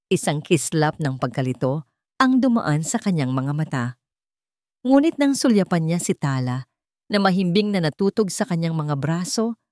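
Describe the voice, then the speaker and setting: A woman with a Filipino accent narrates a scripted love story in a solemn, emotive and dramatic style. Her mid-range voice is a little mellow, and the recording is dry and clean, made in a studio.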